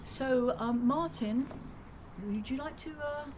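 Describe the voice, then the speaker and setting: Chatty, agreeable woman over clear background noise. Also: high-pitched, slow pace. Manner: keen, agreeable, often echoing and repeating her affirmations. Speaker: town crier, interview guest. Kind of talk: casual interview chat.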